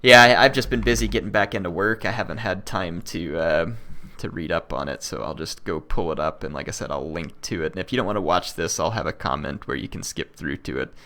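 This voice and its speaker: A man's voice: sits low, a little fast, bright, forceful tone. A man from Oklahoma hosting a strategy game video, talking in a rambling, chatty way and saying y'all. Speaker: gaming channel host. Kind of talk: casual let's-play commentary.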